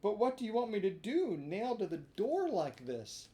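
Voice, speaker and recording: A high, piping wooden puppet boy, as the reader of a storybook puts him on, urgent and impatient, his voice swooping up and down with each plea. The tone stays soft and mellow underneath the strain. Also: sing-song, normal speed, natural voice. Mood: desperate. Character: impatient wooden boy marionette, pleading and hot-tempered. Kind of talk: storybook reading.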